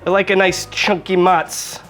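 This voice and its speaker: A man with a high-pitched voice hosts a casual cooking demonstration, talking straight to the viewer in a chatty, jokey way. Faint music plays quietly behind him. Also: little pitch movement, a little slow. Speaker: cooking show host.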